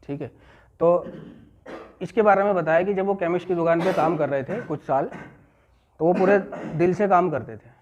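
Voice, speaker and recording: A man's voice: sits high, moderate pace, long pauses, a little mellow, slight background noise. A man leading an addiction recovery class, telling a story as a lecture, repeating key phrases and checking in with his listeners. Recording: muffled lo-fi recording.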